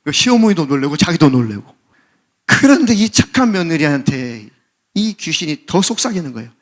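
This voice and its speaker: A man's voice: on the high side, sing-song, normal speed. A man preaching as senior pastor, telling a story animatedly and acting out its characters. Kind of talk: sermon.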